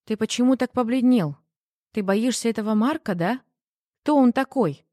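A woman's voice: medium pitch, moderate pace, darkish tone, no room sound, studio quality, close to an everyday voice. A woman reading the part of a worried, teasing wife who keeps pressing with questions in an audiobook. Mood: prying. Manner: pushy, needling questions.

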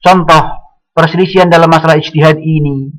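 A man giving a religious study lecture, speaking in a measured way and quoting Arabic passages. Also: fairly high pitch, fairly even intonation, a bit bright, rough recording. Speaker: Islamic teacher.

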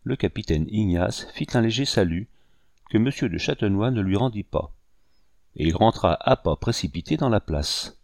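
A man reading a historical novel aloud in measured, even narration. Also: fairly low pitch, gravelly, no room sound, studio quality. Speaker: audiobook reader. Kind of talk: scripted narration.

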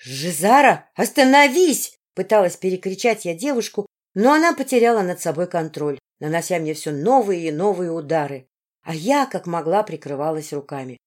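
A woman's voice: fairly low pitch, expressive, fairly quick, darkish tone. A woman reading a fantasy audiobook aloud in the first person, with dramatic storytelling. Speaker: audiobook narrator. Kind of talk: expressive audiobook narration.

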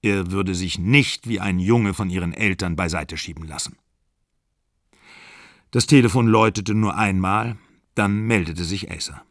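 A man narrating a novel in a measured, dramatic literary reading for radio. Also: sits low, fairly bright tone, no room sound, clean studio sound.

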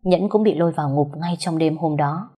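A woman reads a story aloud in a steady, measured way. Her voice sits low, warm and mellow, with a husky edge. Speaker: narrator. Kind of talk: storybook narration.

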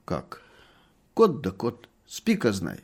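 A man voicing a stout peasant woman who hushes and brushes off questions brusquely. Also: on the low side, huge pitch swings, takes it slowly, breathy edge, exaggerated voice. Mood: hushing. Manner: whispered hushing, brusque. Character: stout red-faced peasant woman, hushing.

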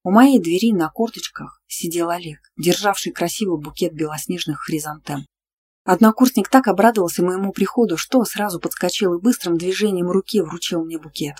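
An audiobook narrator reading a first-person novel in an even, storytelling manner. The voice sits at a plain, middle pitch. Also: a little fast, slightly rough.

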